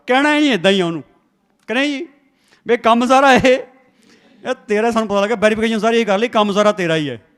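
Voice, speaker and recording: A man with a high voice delivers a sermon in a church. He preaches with emphatic force, repeating key phrases and calling on the congregation to respond aloud. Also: fairly bright tone.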